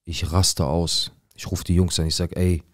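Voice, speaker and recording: A young man acting out a rough-talking, paranoid drug dealer who tells his own story in a dramatic monologue full of slang and swearing. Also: low-pitched, flat delivery, normal speed, no echo, clean studio sound, close to an everyday voice. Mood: tense. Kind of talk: dramatic first-person monologue.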